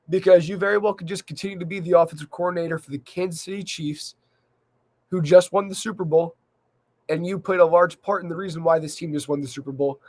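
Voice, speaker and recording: A sports podcast host with a fairly high voice, slightly worn by a cold, delivers a solo recap. He speaks in a measured, conversational way and emphasizes the key points.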